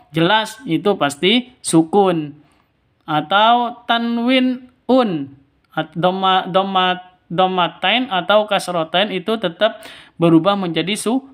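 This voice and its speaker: Slow, smooth-voiced male Quran teacher. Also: high voice, fairly bright tone. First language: Indonesian. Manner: slow and patient, repeats each rule twice. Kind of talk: step-by-step recitation lesson.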